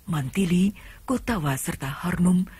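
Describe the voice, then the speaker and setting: A woman's voice: on the low side, expressive, measured pace, slightly rough, dry recording. A woman narrating an old radio drama in a dramatic storytelling manner, heard from an old radio play recording. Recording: old tape with loud hiss.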